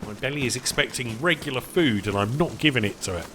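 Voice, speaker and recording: A man chats with his stream audience as he plays, wandering between subjects and addressing chat as "boys" while he eats, occasionally mid-mouthful. His medium-pitched voice is animated, quick, and a bit bright, with a little hiss or hum in the audio.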